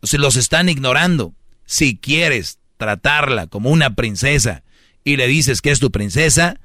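A man's voice: mid-range voice, lively intonation, unhurried, pushed and bright, dry recording, studio quality. A man giving mocking, preachy advice as a comedic radio host.

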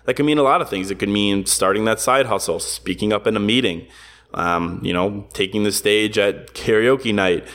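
A low-pitched man talks through a motivational idea in an earnest, conversational way. He speaks as a podcast host and often checks in with "you know" and "right.". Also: normal speed, fairly bright tone. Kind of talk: reflective motivational monologue.

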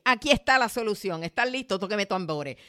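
A woman hosting a motivational podcast, talking in a lively way and acting out quoted lines. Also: mid-range voice, fairly quick, heavy background noise. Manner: lively, laughs often, acts out quotes. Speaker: podcast host.

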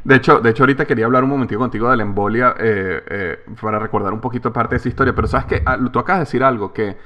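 A man's voice: medium pitch, racing, bright, forceful tone. A middle-aged man, an author and company head, talking in a podcast interview with emphatic repetition. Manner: emphatic, repeats himself for stress.

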